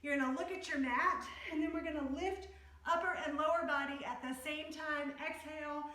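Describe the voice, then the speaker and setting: A woman's voice: high voice, steady tone, normal speed, bright, forceful tone. A woman fitness instructor leading an exercise class, giving step-by-step cues and counting reps in short phrases. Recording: very echoey room, distant microphone.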